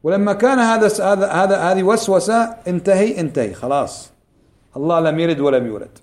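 Male religious teacher, high-pitched, drills key phrases and quizzes the class. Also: expressive, darkish tone. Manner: quizzes the class with quick questions; repeats key phrases slowly for emphasis. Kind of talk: religious lesson.

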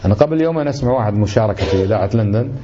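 A man's voice: fairly low pitch, animated, very fast, background noise. A man giving a religious lesson, emphatic and indignant, firing off rhetorical questions. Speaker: religious teacher. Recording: slightly dull lo-fi recording.

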